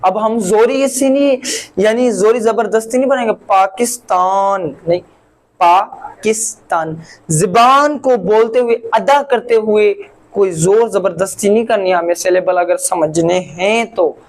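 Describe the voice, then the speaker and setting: A man from Pakistan teaching a language lesson, patiently repeating each word slowly syllable by syllable. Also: high voice, rough recording. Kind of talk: classroom-style language lesson.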